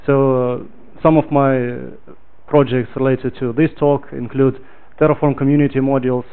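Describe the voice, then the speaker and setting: At a meetup, a Ukrainian man gives a technical talk in English, relaxed and full of "uh" fillers, getting loud when projecting to the room. His voice is medium-pitched and clean at a normal speed, though the audio is tinny and phone-like.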